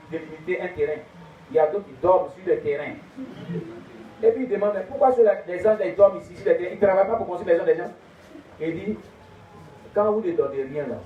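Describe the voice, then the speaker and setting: High-voiced preacher, far off and tinny. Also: male voice. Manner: animated, swings between loud and hushed. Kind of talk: sermon storytelling. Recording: tinny, echoey, distant, faint noise.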